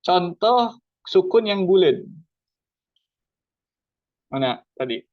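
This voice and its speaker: A man teaching Quran recitation in an online lesson, explaining patiently, repeating himself and slowly chanting Arabic examples. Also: sits high, big pitch swings, highs cut off.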